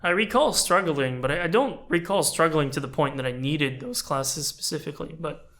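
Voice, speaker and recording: At normal speed and with a fairly high, fairly bright voice, a man in his twenties, French by first language, muses casually on his YouTube channel. The animator keeps it thoughtful but chatty, often poking fun at himself.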